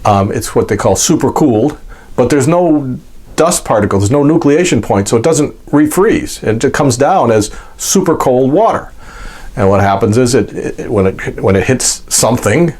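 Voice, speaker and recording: An American man giving an informal, unscripted explanation in a halting, folksy way, repeating words as he goes. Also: mid-range voice, expressive, darkish tone. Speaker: host of an explainer vlog.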